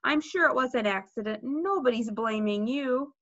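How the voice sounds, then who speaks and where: A doting yet firm mother from a children's story, as a woman reader puts her on. Her voice is high and bright, recorded dry. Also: expressive, unhurried, no room sound, dull audio, heavily acted. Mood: calm, reassuring. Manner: cooing to the little one, stern otherwise.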